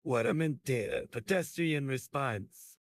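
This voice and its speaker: Brief: man-voiced grandiose chatbot, flowery old-fashioned lecturing, mid pitch. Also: lively intonation, takes it slowly, dry recording. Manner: ornate, archaic, lecturing speech. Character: pompous flowery male chatbot, grandiose and theatrical.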